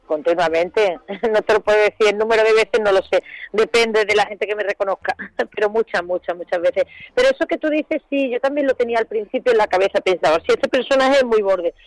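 A middle-aged woman from Seville with an Andalusian accent, an actress chatting as a guest in a lively, colloquial way, laughing often. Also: medium pitch, fairly quick, no echo, faint music behind, rough recording. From Seville, Spain. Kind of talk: casual chat.

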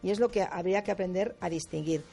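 A woman speaking as a guest on a radio talk show, explaining in a lively way, acting out quotes and often adding quick tag questions. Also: fairly low pitch, creaky, soft background music. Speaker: guest speaker on difficult personalities.

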